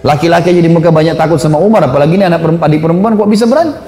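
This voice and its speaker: A man telling a religious story as a preacher, animated and chatty, with conversational asides to his listeners. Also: on the high side, very fast. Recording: echoey hall with faint music.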